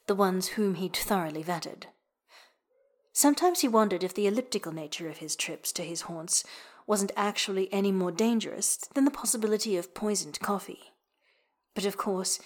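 Woman narrating a story, hushed phrase ends. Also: on the low side. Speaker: audiobook narrator. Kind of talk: scripted narration.

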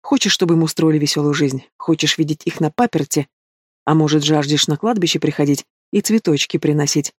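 A man's voice: a little high, brisk, darkish tone, no echo, lightly acted. A man voicing a cold, cynical young man who threatens and mocks, in a dry storybook reading. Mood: threatening.

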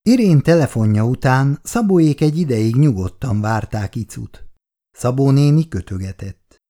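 A man telling the story with measured narration in a 1960s radio drama. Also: medium pitch, lively intonation, dark tone.

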